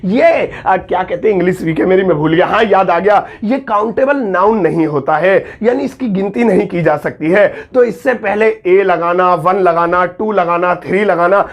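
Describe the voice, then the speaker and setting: A young man from India, an English teacher, giving a joking Hindi-language lesson and saying example sentences slowly and carefully. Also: high voice. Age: young adult. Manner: jokey, teasing, slow over-enunciated example sentences.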